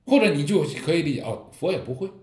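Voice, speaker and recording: A man's voice: on the high side, fast talker. A man teaching about Zen koans in a dharma talk, telling stories and asking rhetorical questions. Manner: lively storytelling with rhetorical questions. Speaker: Buddhist teacher. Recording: echoey room.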